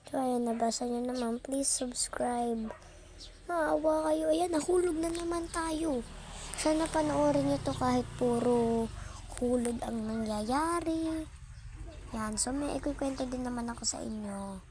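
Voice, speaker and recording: A woman's voice: sits high, a little slow, a little mellow, a little hiss or hum. A young woman, casually commenting on her gameplay, stumbling over words and apologizing. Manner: stammering, apologetic, self-laughing. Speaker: gaming YouTuber.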